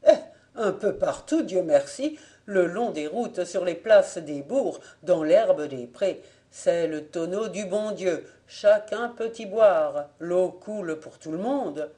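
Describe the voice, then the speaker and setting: Calm ironic old blind man, voiced by a woman in an audiobook, mellow lowish tone. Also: slow. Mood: wry.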